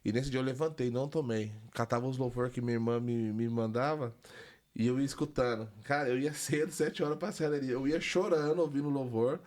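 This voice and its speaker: A young adult man telling a personal story in a conversational way, animated and acting out the voices of the people in it. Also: mid-range voice, a little fast. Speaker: guest giving a testimony.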